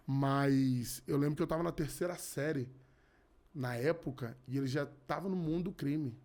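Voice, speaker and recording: A man's voice: fairly high pitch, normal speed, darkish tone. A man in his thirties, a podcast guest giving an earnest personal testimony in casual chat, often restarting and repeating his words. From Rio de Janeiro. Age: 30s. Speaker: podcast guest, gospel musician.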